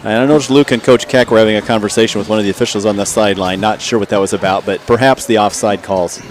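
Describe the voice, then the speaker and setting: A man giving conversational, measured football analysis as a color commentator on a radio broadcast. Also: fairly low pitch, steady tone. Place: stadium broadcast booth. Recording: crowd and faint outdoor noise behind.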